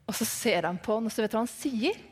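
High-voiced woman telling a story in a hall. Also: slight background noise. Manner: lively, dramatic, hushed whispers for suspense. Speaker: children's Bible storyteller. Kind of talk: eyewitness storytelling to children. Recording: long hall reverb.

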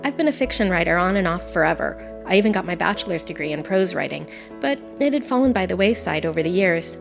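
A woman's voice: fairly low pitch, expressive, fast, gravelly. Woman reading an earnest essay over music. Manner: earnest, enthusiastic, reflective. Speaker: guest podcaster. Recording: music playing under the voice. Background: background music.

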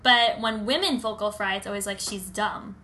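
Bright-voiced young woman podcaster. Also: medium pitch, moderate pace. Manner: frequent "like" as filler. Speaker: podcast co-host. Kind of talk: casual chat and storytelling.

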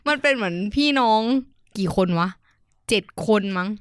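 A woman's voice: on the high side, moderate pace, clean tone, dry recording, clean studio sound. A young woman co-hosting a casual podcast chat, telling stories with crude slang and acting out voices. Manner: lively storyteller, acts out quoted voices, crude slang. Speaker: podcast co-host. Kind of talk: casual chat among friends.

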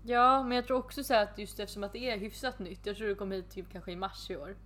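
A young woman co-hosting a relaxed podcast chat, giggling often as she tells a story. She acts out both sides of a text conversation and slips into English for the quoted lines. Her voice sits at an ordinary middle pitch. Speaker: podcast co-host. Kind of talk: casual chat.

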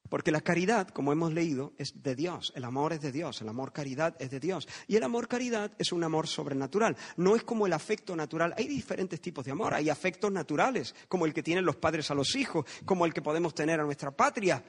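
A man's voice: on the high side, animated, quick pace, few pauses, husky. A man preaching a sermon in a conversational way, telling parables and asking rhetorical questions.

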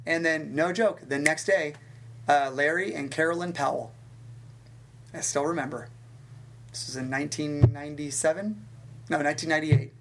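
A man talking as a guest in a casual interview, telling stories from his working life in an animated way, with big swings in pitch and quick restarts. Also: background noise. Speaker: fitness instructor and guest. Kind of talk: storytelling in a conversational interview.

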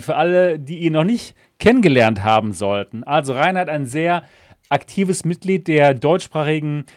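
Male podcast host, upbeat and chatty, slightly high voice, dry close mic. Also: darkish tone, no echo. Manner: upbeat, chatty show intro with fillers. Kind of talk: casual chat.

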